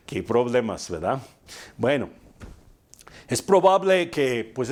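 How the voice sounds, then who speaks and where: A man delivers a sermon, telling stories in a relaxed, conversational way. He poses rhetorical questions and pauses on fillers as he goes. His voice sits a little high for a man. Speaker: preacher.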